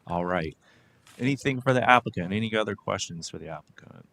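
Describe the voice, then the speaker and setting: Man chairing a city meeting, lowish voice, brisk roll calls, faint background noise. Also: lively intonation, gravelly, pushed and bright.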